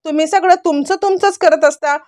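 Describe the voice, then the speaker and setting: Playful little girl who wants treats, read by a woman narrator; high pitch. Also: a little fast, a little mellow, no echo, clean studio sound. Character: young girl, playful and demanding.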